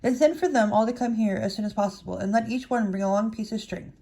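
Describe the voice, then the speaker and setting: A woman's voice: on the high side, fast, mellow, natural voice. Woman reading as an eager, earnest scarecrow. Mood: directing. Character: eager, helpful male scarecrow with straw-stuffed head.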